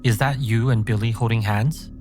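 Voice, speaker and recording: A man's voice: mid-range voice, steady tone, normal speed, darkish tone, natural voice. A man voicing an earnest, emotional and protective young father in a horror story. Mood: tender, concerned. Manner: earnest, emotional, speaking to his small son. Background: background music.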